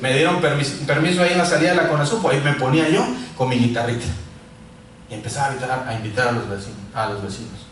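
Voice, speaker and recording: A man from Mexico, preaching a sermon full of personal testimony and swinging from loud calls to quiet asides. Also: medium pitch, fairly even intonation, racing. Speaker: pastor. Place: large echoey church hall. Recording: echoey church hall, mic far off, faint noise.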